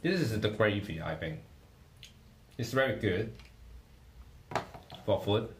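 A man talks at a slow, unhurried pace in a fairly low voice. His speech comes in halting bits, with words repeated as he thinks aloud. A faint hiss sits under the voice. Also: expressive. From Hong Kong. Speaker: livestreamer. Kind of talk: casual livestream food tasting.

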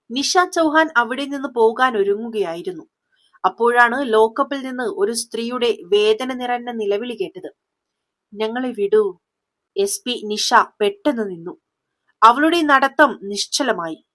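Fairly high-voiced woman telling a story. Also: fairly bright tone. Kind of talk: scripted story narration.

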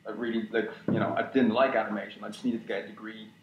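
A young man on a video call, his voice low and flat in pitch as he works through his answers with lots of ums and restarts. The webcam sound is dull and roomy, with a faint hiss underneath. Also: fast. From Ireland. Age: young adult. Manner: hesitant, many restarts and fillers. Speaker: guest concept artist. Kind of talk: casual interview chat. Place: small room at home, indoors.

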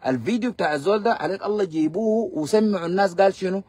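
Brief: Sudanese man, high voice, rapid combative ranting, dry close sound. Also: darkish tone, breathy edge, no room sound. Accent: Sudanese Arabic. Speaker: political commentator. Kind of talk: live-stream political commentary.

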